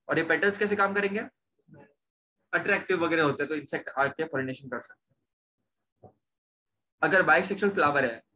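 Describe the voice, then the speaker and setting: A man's voice: high voice, bright, forceful tone, slight background noise. A young man teaching a science class, repeating questions to his students and mixing in English terms. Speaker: science tutor. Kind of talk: online class lecture.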